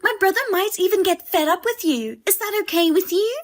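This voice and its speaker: Woman voicing a high-pitched sister-in-law, pushy, scornful, sharp and demanding, storybook drama. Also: expressive, unhurried, exaggerated voice.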